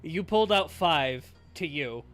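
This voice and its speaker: A man's voice: a little high, animated, measured pace, fairly bright tone, soft background music. A man running a tabletop game as game master, narrating scenes and chatting as a shopkeeper, laid-back and chuckling.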